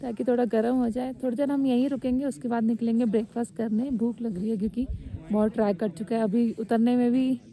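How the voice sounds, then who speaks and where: A woman's voice: on the high side, fairly even intonation, quick pace, warm tone. Chatty young woman vlogging on a windy summit. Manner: chatty, upbeat, teasing friends. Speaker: travel vlogger. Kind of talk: casual vlog narration outdoors. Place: windy mountain summit outdoors. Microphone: handheld phone camera.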